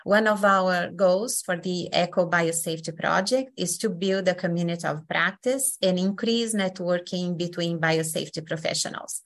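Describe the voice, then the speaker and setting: Hosting an online session, this facilitator from Brazil speaks in a lowish voice with a Brazilian accent. She takes a warm, leisurely approach and uses a lot of filler words.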